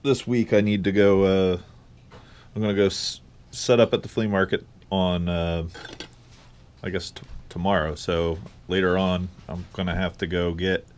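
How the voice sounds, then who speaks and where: A man's voice: low voice, flat delivery, normal speed, clear, resonant tone. A man giving a casual tour of his small home workroom, rambling with many fillers, recorded on a head-mounted camera. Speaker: online reseller. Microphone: head-mounted action camera.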